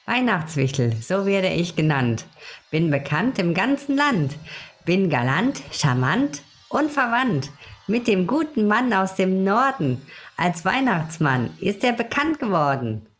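A woman voicing a gentle, kind little male Christmas elf, who speaks in soft soothing rhymes. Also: mid-range voice, very animated, measured pace. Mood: polite. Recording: roomy echo with faint music.

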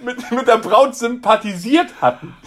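A middle-aged man from Hamburg, a ventriloquist, telling a lively, self-mocking anecdote in a casual interview. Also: very high voice, moderate pace, a crowd in the background. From Hamburg, Germany. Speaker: ventriloquist guest.

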